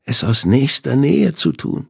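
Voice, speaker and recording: A man putting on a husky, sneering knife-wielding captor. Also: mid-range voice, sing-song, no echo, clean studio sound, pitched above the performer's own voice, exaggerated voice. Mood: taunting. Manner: sneering, taunting, slow and deliberate. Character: mocking, menacing male knife-wielding captor.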